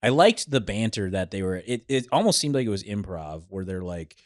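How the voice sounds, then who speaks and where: Lower-voiced man, laid-back guest. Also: animated, brisk. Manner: laid-back, easygoing, jokey. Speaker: podcast guest. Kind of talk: casual movie review chat.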